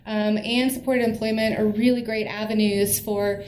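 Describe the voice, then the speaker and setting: A woman's voice: medium pitch, little pitch movement, moderate pace, darkish tone. A woman hosting an informational talk, affirming and summing up for the listener. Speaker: host. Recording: echoey room with faint noise.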